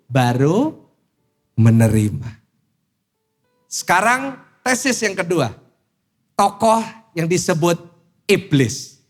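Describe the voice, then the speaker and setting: Pastor guy preaching at church, playful and teasing, voice all over the place. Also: fairly high pitch. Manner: humorous, animated, teasing the congregation. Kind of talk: sermon. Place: church service.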